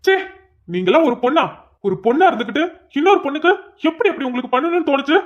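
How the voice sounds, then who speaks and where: A woman's voice: high-pitched, very animated. A woman voicing an angry, domineering young husband who gives harsh orders in a cartoon, on a dull lo-fi recording. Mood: furious. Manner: commanding, harsh, rapid. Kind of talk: cartoon voice acting.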